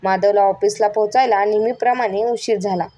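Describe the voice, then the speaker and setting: A woman reading a story aloud and voicing every character herself, expressive and lively. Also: medium pitch, brisk.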